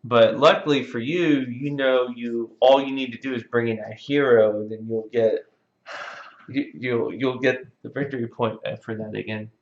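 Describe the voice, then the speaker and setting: A man's voice: mid-range voice, steady tone, moderate pace, roomy sound. A man new to the game, thinking aloud and asking about the rules in casual board game chat. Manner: thinks aloud quietly, unsure. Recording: dull lo-fi recording.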